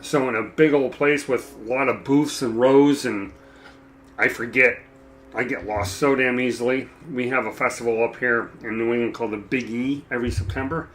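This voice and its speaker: A man's voice: medium pitch, steady tone, moderate pace, a bit bright, a little hiss or hum. Casual chatty man with a dry throat. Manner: rambling, self-deprecating, stops to clear his throat. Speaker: mini painting streamer. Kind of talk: casual chat while painting.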